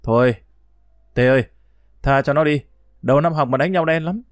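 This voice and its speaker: A man's voice: on the high side, moderate pace, no room sound, clean studio sound, close to an everyday voice. A man voicing a schoolboy's friend who casually coaxes him to back down from a fight. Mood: coaxing. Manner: coaxing, casual. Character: group of schoolboy friends, calm and persuasive.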